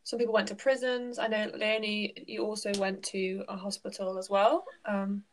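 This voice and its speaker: A woman talks earnestly as a podcast co-host, thoughtful and soft-spoken. She muses with ums and likes, in an even, mid-pitched voice. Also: moderate pace, a little hiss or hum. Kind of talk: casual chat.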